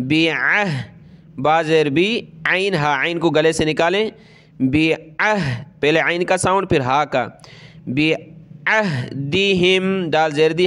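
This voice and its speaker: A man teaching Quran reading, spelling out each letter and vowel mark and then chanting the word slowly, with quick explanatory asides in between. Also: a little high, a bit bright. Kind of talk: slow spelled-out recitation lesson.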